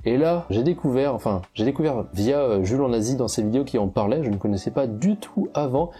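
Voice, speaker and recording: A young man with a strong French accent tells his travel stories in a loose, chatty way, full of hesitations and restarts. His voice is very dark and mellow. Faint music plays under him. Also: medium pitch, expressive, fast, slightly rough. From France. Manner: chatty, many fillers and restarts. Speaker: travel photographer vlogger. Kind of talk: casual travel storytelling.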